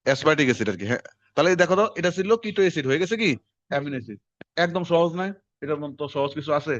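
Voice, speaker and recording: Fast-talking male teacher quizzing students. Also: fairly high pitch, animated, no room sound. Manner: quick, conversational, quizzing students. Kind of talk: classroom lecture. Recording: dull lo-fi classroom recording.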